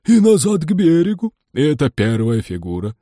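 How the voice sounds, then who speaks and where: A man's voice: a little high, expressive, warm tone, no room sound, clean studio sound. A man voicing a weepy, mournful female mock turtle in a storybook audiobook. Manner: mournful, slow singing and talking. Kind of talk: audiobook reading.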